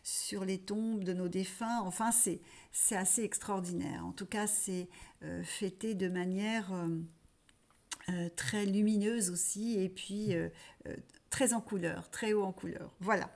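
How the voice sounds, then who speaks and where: A woman hosting a weekly spiritual message, talking gently and haltingly, with many fillers and restarts. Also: mid-range voice, fairly even intonation. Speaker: spiritual channel host.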